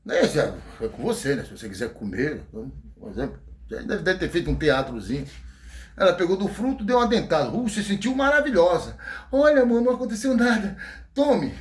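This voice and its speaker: A man's voice: a little high, big pitch swings, a little fast. A man with a Brazilian accent preaching an informal sermon in a folksy, joking way, acting out scenes. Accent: Brazilian Portuguese. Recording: echoey room.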